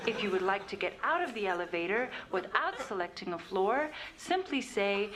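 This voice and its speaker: A woman's voice: medium pitch, sing-song, normal speed, a bit bright. A woman voicing a polite automated lift assistant in a noisy sketch clip. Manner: polite, prompt-like. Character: prim female lift voice assistant. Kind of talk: sketch comedy acting. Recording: noisy clip played on stream.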